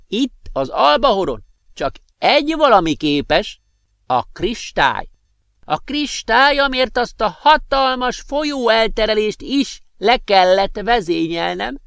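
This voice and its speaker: A man doing a high croaky tipsy old professor. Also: fairly bright tone, no echo, clean studio sound, full character voice. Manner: slow, drawn-out, giggly.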